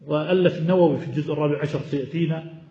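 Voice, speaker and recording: A man's voice: a little high, steady tone, racing, warm tone. Echoey lo-fi lesson from a man. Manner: explanatory, poses questions to students then answers. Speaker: hadith teacher. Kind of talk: classical text lesson. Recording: echoey, dull lo-fi room recording.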